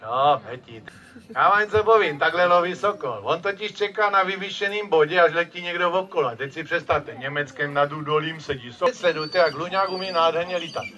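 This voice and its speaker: A man presenting a live outdoor falconry show, talking to the crowd with lots of tag questions. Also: fairly high pitch. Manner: lively, addresses crowd, frequent tag questions. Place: outdoor field at a bird show.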